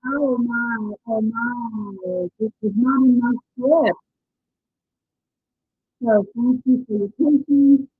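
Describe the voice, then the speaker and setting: A woman leads an online workshop in an earnest, conversational way. Her voice comes through muffled, as if from behind a wall, over dull, lo-fi video call audio. The sound is very husky and breathy, with no room echo at all. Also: a little high, takes it slowly, pauses often. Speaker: presenter. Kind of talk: live online workshop talk. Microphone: computer mic on a video call.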